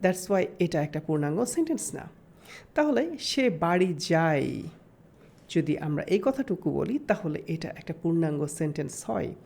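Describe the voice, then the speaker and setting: A woman's voice: fairly low pitch, big pitch swings, gravelly, mellow. Woman teaching grammar, sounding out words. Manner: explains step by step, mixing in English terms; slows down to sound out example words. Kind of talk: recorded grammar lesson.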